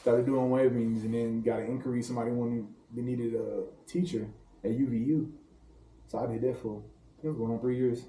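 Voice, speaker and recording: Dark-voiced man telling stories in a roomy space. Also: mid-range voice, fairly even intonation, brisk, slight background noise. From St. Louis, Missouri. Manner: loose, laughing, slangy storytelling. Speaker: private chef guest. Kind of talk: casual podcast chat. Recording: roomy room, distant mic, faint ambience.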